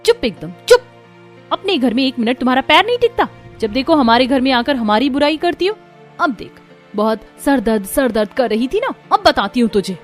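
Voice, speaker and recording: Young wife in a cartoon story, sweet, pleading, high-ish, voiced by a woman. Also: sing-song, normal speed, faint music behind.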